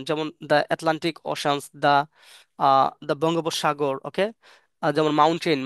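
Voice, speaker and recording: A man teaches English grammar in a loose, thinking-aloud way. He reads example sentences slowly and then rushes through the explanations. His voice sits a little high, smooth and clear, in a dry, close recording. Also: a bit bright, no echo. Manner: many fillers and restarts, thinks aloud. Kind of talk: casual grammar lesson.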